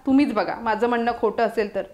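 A woman's voice: fairly high pitch, fairly even intonation, fast talker, a little mellow, echoey room, natural voice. A woman voicing a proud male guard dog who grumbles about being left out, in a storybook reading. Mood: aggrieved.

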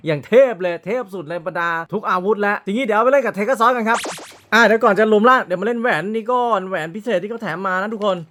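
A man's voice: high-pitched, rapid-fire, sharp tone, a little hiss or hum. A man hosting a casual toy review vlog, chatting straight to his viewers and adding playful sound effects.

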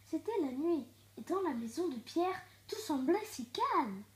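A woman reading a children's storybook aloud, expressive and dropping to hushed tones for suspense. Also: sits high, unhurried. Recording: echoey room.

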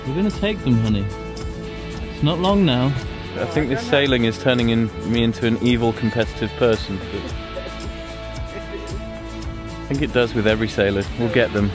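A man's voice: mid-range voice, normal speed, long pauses, music in the background. A young man talking casually on a sailboat, joking and playfully competitive as he narrates a race. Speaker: sailing vlogger. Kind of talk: casual vlog commentary while sailing. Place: on a sailboat outdoors.

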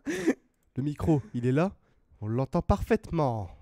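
A man's voice: a little high, wildly swooping pitch, a little slow, gravelly, mellow, no room sound, studio quality. A young man co-hosting a live gaming stream, joking around with crude banter. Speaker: streamer co-host.

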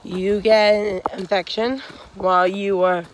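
Young woman vlogging on a trail, slow rambly frank advice, phone mic, bit of outdoor noise. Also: medium pitch, little pitch movement. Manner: rambling, frank, many fillers and restarts. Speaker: hiking vlogger. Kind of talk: casual advice vlog. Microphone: phone held at arm's length.

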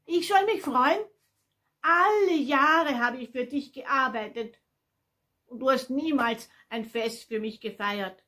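A woman voicing an angry, resentful older brother protesting loudly in a children's Bible story. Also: high-pitched, takes it slowly, pitched above the performer's own voice, full character voice. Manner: indignant, protesting.

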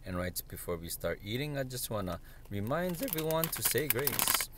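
A man's voice: mid-range voice, sing-song, moderate pace. A man hosting a casual, unscripted food review, recorded inside a car. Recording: clear background noise with clicks.

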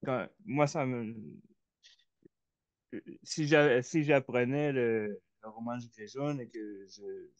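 Speaking through a computer mic on a video call, an audience member from Canada stumbles through an unplanned question, full of fillers and false starts. He has a medium-pitched voice, and the call audio is somewhat muffled and dull.

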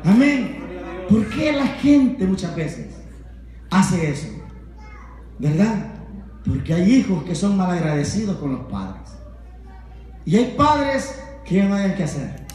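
Male evangelist, high voice, fervent sermon with constant amens, recorded in a very echoey room. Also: sing-song, takes it slowly, long pauses, a little mellow. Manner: fervent preaching, rhetorical questions, repeated amens. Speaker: evangelist preacher. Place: home.

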